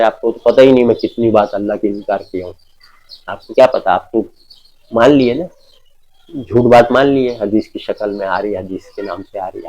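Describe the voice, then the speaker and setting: A man giving an informal sermon, emphatic, often asking his listeners whether they understand and reciting scripture verses slowly. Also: on the low side, mellow, dull audio. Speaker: preacher.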